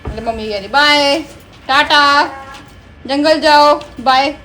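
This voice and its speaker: High bright-voiced woman scolding parrots. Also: slow pace. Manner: scolding, coaxing baby talk. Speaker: vlogger scolding her pet parrots. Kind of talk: casual talk to pets.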